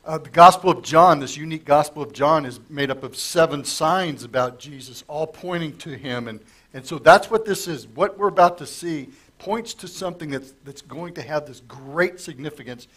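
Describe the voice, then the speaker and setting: This middle-aged man's voice sits on the high side, husky and a bit bright, at a normal speed. He is a pastor teaching verse by verse in a church sanctuary, talking into a lectern mic and putting questions to the congregation in a conversational way. He is losing his voice and coughs as he goes.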